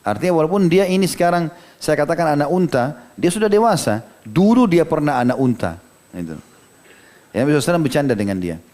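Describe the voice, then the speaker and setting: A man's voice: on the high side, animated, fast talker, darkish tone. A man from Indonesia preaching a storytelling sermon, explaining each quote in plain everyday words and tossing in frequent casual asides. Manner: conversational, drops in frequent "ya" and "gitu" asides. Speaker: Islamic preacher.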